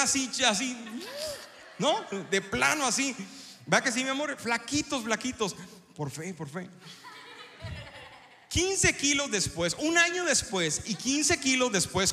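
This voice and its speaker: A middle-aged man with a Mexican accent preaches to his congregation, telling stories and calling out questions. His voice sits high and sounds bright and forceful. A long reverb trails after him, as in a large hall. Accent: Mexican Spanish. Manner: storytelling, lively and engaging the congregation. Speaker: pastor. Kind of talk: sermon.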